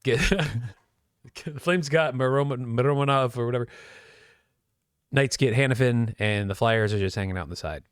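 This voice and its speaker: A man's voice: medium pitch, moderate pace, clean tone, no echo, studio quality. A man co-hosting a casual hockey podcast, joking around, laughing often and swearing casually. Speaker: podcast co-host.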